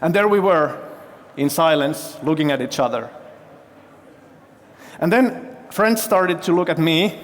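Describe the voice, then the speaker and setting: A man tells his story on a big festival stage, pausing to ask the crowd to raise their hands. His voice sits rather high for a man. Long reverb from the hall trails after him. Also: expressive. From Finland. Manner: engaging, quizzes the audience with show-of-hands questions. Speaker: CEO giving a keynote.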